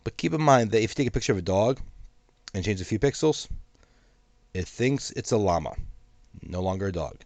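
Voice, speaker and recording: A man with a deep, low voice talks through his points with a steady, cautionary manner and the odd wry aside. His voice sounds congested from a sinus infection. The sound is dry and close, with no room around it. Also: brisk, long pauses, dry recording. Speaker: host of an AI commentary channel. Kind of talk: solo commentary to camera.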